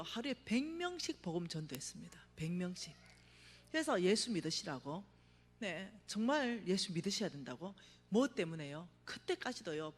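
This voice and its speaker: A middle-aged woman giving a testimony sermon at a revival meeting, telling her story with vivid acted-out cries and sudden hushed asides. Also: medium pitch, slightly rough. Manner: animated storytelling, acts out her own cries, drops to a hush for emphasis. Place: church sanctuary. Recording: reverberant church hall.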